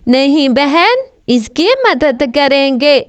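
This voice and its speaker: A woman voicing a kind, trusting young female sparrow who gently coaxes and pleads with her friend. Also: sits high, animated, slow, dry recording. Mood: gentle. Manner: soft coaxing, gentle pleading. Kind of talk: storybook cartoon voice acting.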